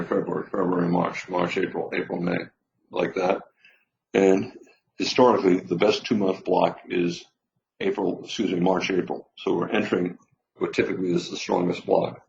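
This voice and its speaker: Low, gravelly man losing his voice. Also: darkish tone. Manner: rambling, many fillers and restarts. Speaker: trading teacher. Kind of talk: casual trading lesson. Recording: roomy, slightly dull sound.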